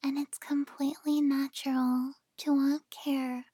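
A woman playing a tender, reassuring partner in an ASMR role-play, speaking gently and close in the listener's ear as if lulling a loved one to sleep. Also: sits high, flat delivery, dry recording. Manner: slow, gentle, soothing.

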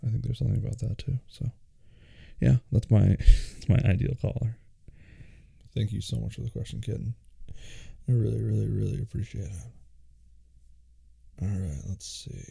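Low gravelly man, dark and husky. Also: normal speed, long pauses. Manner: relaxed, soft-spoken, laughs between answers. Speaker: podcast host answering listener questions. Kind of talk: casual intimate Q&A.

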